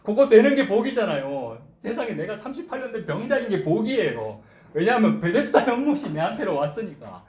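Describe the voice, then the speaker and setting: Korean pastor guy preaching, voice swings way up and down, kinda high, echoey church room. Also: a little fast, few pauses. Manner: animated preaching, quoting voices and asking the congregation questions. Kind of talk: sermon. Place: church sanctuary.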